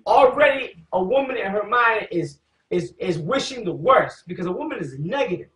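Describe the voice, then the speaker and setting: A man reading scripture slowly to a group, then preaching loudly with crude, heated commentary. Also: high-pitched, lively intonation. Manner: reads verses slowly, then rants loudly with profanity. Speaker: scripture teacher. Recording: echoey room, far from the mic.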